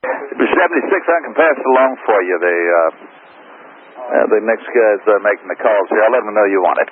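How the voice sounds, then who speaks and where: A man working as an air traffic controller, giving quick, casual, teasing calls over a radio broken by static bursts. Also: fairly low pitch, expressive. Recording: tinny radio with loud static.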